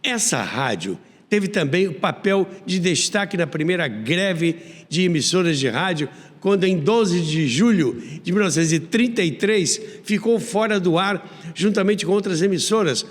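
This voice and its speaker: With a slightly high, expressive voice at a moderate pace, a Brazilian man narrates a history programme in storyteller fashion. He's a radio history podcast host whose delivery is emphatic, in the old-school announcer style, and his voice carries a long reverb.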